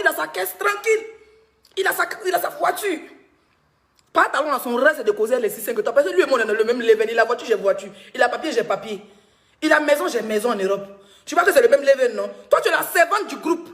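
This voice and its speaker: A woman's voice: high-pitched, expressive, fast. A woman blogger, giving teasing gossip commentary on a live stream and laughing often.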